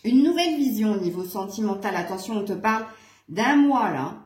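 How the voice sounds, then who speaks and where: A woman's voice: medium pitch, animated, brisk, a little mellow. A woman giving a casual tarot reading to her viewers, chatty and hesitant, with many fillers. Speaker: tarot reader. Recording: echoey room.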